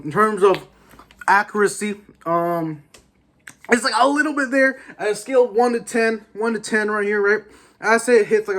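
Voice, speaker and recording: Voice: medium pitch, fairly bright tone. A snack reviewer chatting casually and informally to viewers, rambling a little while giving opinions. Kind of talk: casual chat food review to camera.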